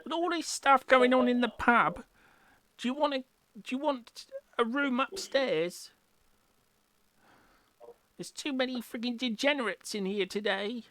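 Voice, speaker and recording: A woman playing a loud, sassy, blunt barmaid in a tabletop fantasy game. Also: fairly high pitch, measured pace, long pauses, voice pushed up. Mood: sassy, exasperated. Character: loud, sassy, crude female barmaid, protective of favourites.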